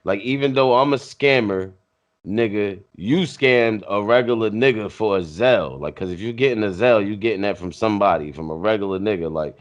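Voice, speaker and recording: Low-voiced man, blunt casual talk. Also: fairly quick, highs cut off. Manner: blunt and repetitive, leans on filler words. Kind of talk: casual podcast chat.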